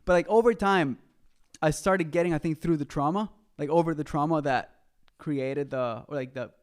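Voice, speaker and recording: A young man from Costa Rica, a guest musician, chats casually at a moderate pace in a fairly high voice. He's relaxed and leans heavily on fillers, saying "like" a lot.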